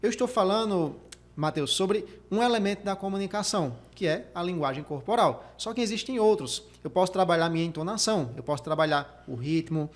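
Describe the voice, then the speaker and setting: A man from Brazil hosts a motivational career podcast. He talks quickly in a fairly high voice and hammers his points home by repeating them. He sometimes shows off changes of tone as he explains how to speak well. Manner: emphatic, repeats key points, demonstrates vocal techniques. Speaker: career coach and podcast host.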